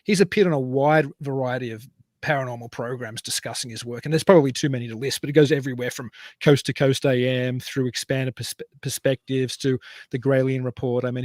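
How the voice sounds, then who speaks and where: A man's voice: medium pitch, darkish tone, no room sound, clean studio sound. A man hosting an online talk show over a video call, introducing a guest in a rambling, self-correcting way. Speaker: podcast host. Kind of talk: casual online show chat.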